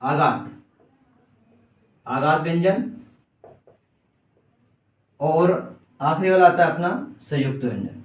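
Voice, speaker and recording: A man's voice: a little high, lively intonation, takes it slowly, long pauses, far from the mic, dull audio. A man teaching a grammar lesson for exam prep, asking the class questions and answering them himself. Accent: Indian Hindi. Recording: echoey room, voice from off-mic.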